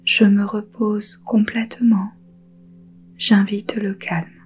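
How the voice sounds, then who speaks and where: In a calm, breathy half-whisper, a mid-range female voice guides listeners through yoga nidra meditation. She soothes with a gentle pace, letting long, unhurried pauses settle between phrases.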